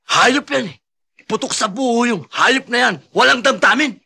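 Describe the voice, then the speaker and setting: A furious grieving soldier. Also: male voice, very high-pitched, lively intonation, normal speed, gravelly, bright, forceful tone, husky, full character voice. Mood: bitter. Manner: angry drunken outbursts. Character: grieving hot-tempered young male soldier. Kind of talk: film acting. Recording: film soundtrack with music underneath.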